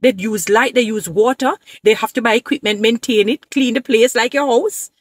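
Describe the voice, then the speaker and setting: A woman's voice: a little high, moderate pace, dry recording. A woman in her thirties talking straight to her phone camera from a parked car, defending churches in an emphatic, lecturing way and repeating points for emphasis. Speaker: social media creator. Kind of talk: direct-to-camera preaching commentary. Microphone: phone camera at arm's length.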